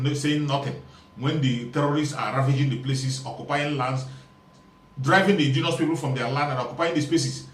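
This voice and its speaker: A man giving an impassioned political monologue, emphatic and repeating his key phrases for stress. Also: mid-range voice. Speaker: political commentator. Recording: roomy echo, distant from mic, faint background hum.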